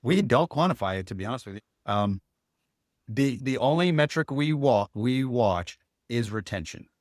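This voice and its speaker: A man talking candidly as a guest in a podcast interview, relaxed, with frequent restarts. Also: medium pitch, moderate pace, no echo, studio quality. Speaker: guest insurance agent.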